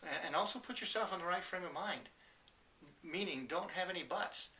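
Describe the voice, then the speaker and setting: Earnest motivational speaker, bright slightly distant voice. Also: male voice, high voice, fairly quick. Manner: earnest, emphatic, storytelling with quoted voices. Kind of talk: motivational talk to camera.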